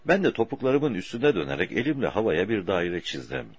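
A man reading a story aloud for an audiobook in a slow, deliberate way, with a husky voice. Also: fairly low pitch, big pitch swings, no echo, lo-fi sound. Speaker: audiobook narrator.

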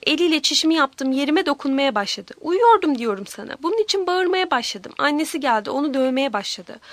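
A woman's voice: high voice, dry recording. A woman voicing a frightened young girl who pleads and insists on her story.

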